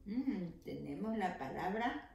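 A woman teacher leading an early reading lesson for young children, slowly sounding out letters and syllables. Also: mid-range voice, sing-song, gravelly, a little mellow. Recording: echoey room.

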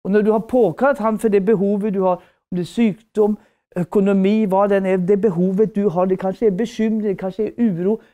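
A woman's voice: mid-range voice, steady tone, mellow. Fervent woman preacher. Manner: fervent, emphatic repetition, rhetorical questions. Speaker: Bible school preacher. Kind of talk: preaching lecture.

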